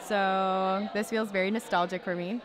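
A woman in her twenties, a cruise ship crew member, vlogs to camera in a casual, upbeat, exclaiming way. Her mid-range voice is steady and at normal speed, heard over background music and crowd noise.

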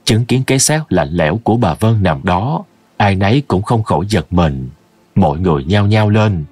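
A man narrating a scripted horror story in a slow, ominous storytelling manner. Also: lowish voice, lively intonation, darkish tone, slightly rough, no room sound.

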